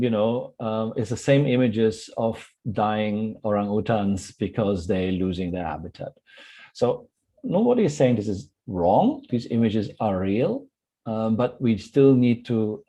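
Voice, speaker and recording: A man on an online panel talks in a dark, mellow tone. He is thoughtful and loose, filling his pauses with ums. His pitch sits in the middle range. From Germany. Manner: thoughtful, filler-heavy. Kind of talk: webinar panel talk. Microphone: video call.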